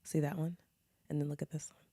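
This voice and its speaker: A woman in her thirties co-hosting a casual faith podcast, animated and playful, laughing often. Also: sits low, fast talker, dry recording, clean studio sound. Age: 30s. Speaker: podcast co-host.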